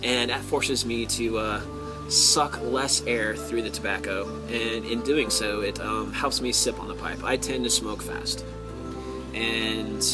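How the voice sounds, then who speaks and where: An American man with a slightly low-pitched voice chats casually to his viewers. Music plays clearly along with him. He speaks haltingly, thinking aloud and leaving drawn-out pauses as he goes. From United States. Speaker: pipe-hobby vlogger and host. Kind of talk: casual solo talk to viewers.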